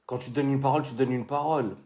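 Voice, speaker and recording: A man's voice: mid-range voice, fairly even intonation, quick pace, a little mellow. A man chatting casually and giving slangy, opinionated commentary as he reacts to a reality show. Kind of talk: casual chat.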